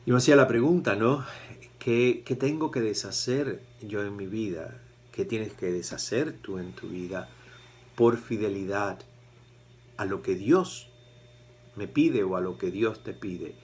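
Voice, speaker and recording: A priest giving a conversational sermon, acting out quoted voices with animated swings. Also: male voice, fairly low pitch, a little slow.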